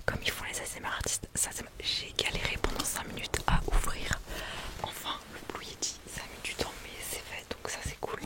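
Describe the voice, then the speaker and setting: A woman whispers in a breathy, unvoiced ASMR style into a close condenser microphone, chatting casually and gushingly as she presents an unboxing. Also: fairly quick. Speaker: ASMR video creator and streamer. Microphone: close USB condenser microphone.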